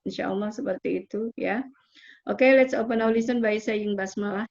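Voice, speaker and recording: A woman's voice: mid-range voice, steady tone, normal speed, a little mellow. Woman teacher, online lesson, drills pronunciation patiently, echoey and muffled. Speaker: English teacher. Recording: echoey, dull, noisy online recording.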